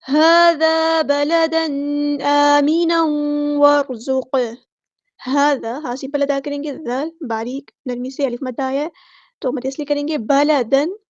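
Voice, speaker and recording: Speaking with an Urdu accent, this woman teaches tajweed one word at a time. She gives a quick explanation of each rule before reciting slowly and loudly. She is high-pitched with fairly even intonation, and the recording is echo-free but muffled.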